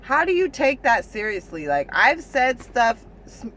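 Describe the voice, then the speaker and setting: Woman ranting profanely, fairly high voice. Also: measured pace, a little hiss or hum. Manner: profane, emphatic, repeats "you know what I'm saying"; restarts and stumbles, animated. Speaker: vlogger. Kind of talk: casual rant to camera.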